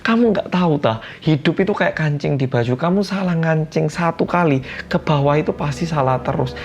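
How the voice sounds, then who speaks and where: A man's voice: animated, a little fast, gravelly. A man voicing a worried, scolding middle-aged mother who frets and pleads in a raised voice. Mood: pleading. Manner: fretful, pleading, shrill when upset.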